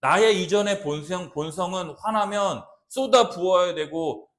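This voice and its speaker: A man's voice: sits high, unhurried. A male pastor preaching a sermon, acting out quoted dialogue and asking the congregation rhetorical questions. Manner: animated, acts out quoted lines, asks rhetorical questions. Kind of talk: expository sermon.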